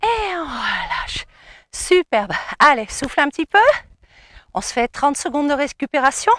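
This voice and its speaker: A woman's voice: high-pitched, expressive, moderate pace, pushed and bright, no room sound, clean studio sound. A woman fitness coach guiding a cardio workout outdoors, giving encouraging, coaxing cues and counting down. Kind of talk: guided cardio workout instruction.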